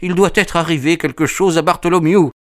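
A man voicing a terrified, nervous gentleman in a raised, pleading voice for an audiobook. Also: very animated, a little slow, dry recording, clean studio sound. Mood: panicked. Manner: high, pleading and panicky. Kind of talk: audiobook character voice.

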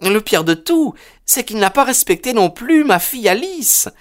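An anxious widowed landlady, as an audiobook reader puts her on, pleading in a voice pitched well above the narration. She is earnest and agitated, and her lines swing up and down with lively emphasis. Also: moderate pace, close to an everyday voice. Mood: indignant. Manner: high, earnest and agitated, sighing.

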